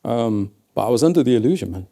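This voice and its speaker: A man's voice: medium pitch, lively intonation, fast, gravelly, dark tone. A man from Leicester with an English accent, reflectively telling stories in a casual conversation. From England. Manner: reflective, storytelling, says "man" often. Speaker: guest.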